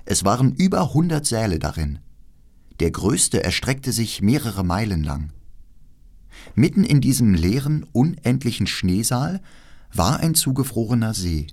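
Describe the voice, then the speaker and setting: A man narrates a fairy tale in a fairly low voice. His delivery is measured and expressive, and his pitch rises and falls widely. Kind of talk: audiobook fairy-tale reading.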